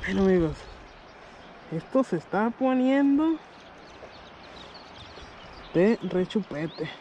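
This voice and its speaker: A young man with a Mexican Spanish accent giving casual fishing vlog commentary from a kayak on a river, recorded on a head-mounted camera and getting excited at each catch. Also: high-pitched, takes it slowly, lo-fi sound. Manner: excited, laughing and shouting at catches. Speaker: fishing vlogger. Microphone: head-mounted action camera. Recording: outdoor recording with clear background noise.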